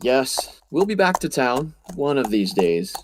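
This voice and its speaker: A man plays a suave, mocking crimefighter in an old-time radio mystery. His delivery is deliberate, theatrical and taunting, swinging widely in pitch. The sound is roomy and echoing. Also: big pitch swings, a little hiss or hum. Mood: suave, wry.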